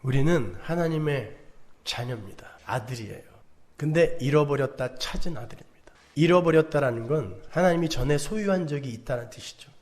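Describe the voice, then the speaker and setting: A man's voice: mid-range voice, expressive, fairly quick, a little mellow. A male pastor preaching a dramatic sermon, asking rhetorical questions and acting out quotes.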